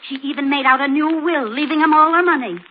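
Actress as high-voiced, distraught housemaid. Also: female voice, quick pace, close to an everyday voice. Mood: bitter, accusing. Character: distraught, bitter housemaid, accusing and devoted. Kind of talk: 1940s radio acting. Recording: tinny old radio, faint noise.

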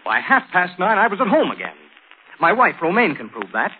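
A man's voice: sits high, wildly swooping pitch, brisk. An actor playing a frantic accused man in his thirties, agitated and pleading, in 1940s radio drama style. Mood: anxious hope. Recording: tinny old radio, faint noise.

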